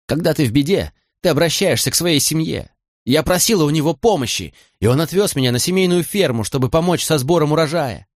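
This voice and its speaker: A man's voice: fairly high pitch, expressive, brisk, no echo, studio quality, pitched above the performer's own voice. A man voicing a proud young woman who is hurt and angry, speaking in a raised, reproachful voice.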